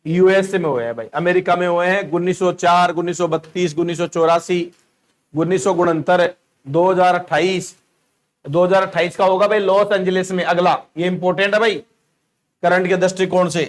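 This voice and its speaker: A male coaching teacher with a Rajasthani Hindi accent giving an exam-prep lecture, asking the class questions, answering them himself and repeating names slowly for dictation. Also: high voice.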